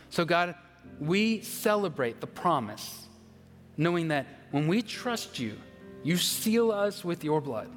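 A man, preaching as a pastor, earnest and prayerful as he leads a prayer and encourages the congregation. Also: high-pitched. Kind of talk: sermon with prayer. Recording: long hall reverb, faint music.

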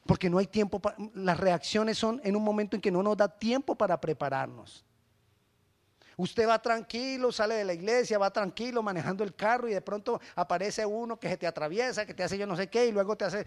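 A middle-aged male pastor preaching a sermon, lively and emphatic, acting out the church members he quotes. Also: sits high, brisk. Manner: animated preaching, rising to loud emphatic peaks.

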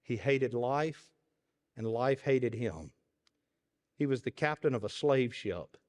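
A man preaching a sermon, telling a story dramatically, swinging between hushed tones and loud, ringing passages. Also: mid-range voice, animated, takes it slowly. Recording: long reverb of a large hall.

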